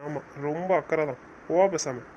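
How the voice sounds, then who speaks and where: A man's voice: fairly high pitch, moderate pace, a little mellow, muffled recording, slight background noise. A man playing a stern husband in an audio drama, scolding and giving orders. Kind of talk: casual audio drama acting.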